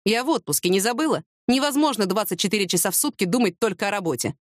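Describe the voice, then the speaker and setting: A woman's voice: medium pitch, fast, no room sound, clean studio sound, natural voice. A woman voicing a wry, grumbling middle-aged police major who teases his companion.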